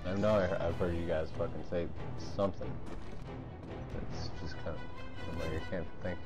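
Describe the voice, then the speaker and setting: A man's voice: sits low, fairly even intonation, normal speed, music in the background. A man chatting casually over voice chat while gaming, laughing, swearing, and rambling. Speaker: gamer.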